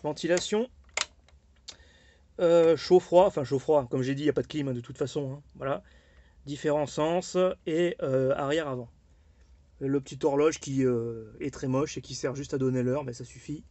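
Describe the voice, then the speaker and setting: A man's voice: medium pitch, fairly even intonation, normal speed, warm tone, dry recording. A man casually showing his old four-by-four, chatty and loose, with lots of fillers and restarts. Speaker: car owner presenting his vehicle. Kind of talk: casual walkaround presentation.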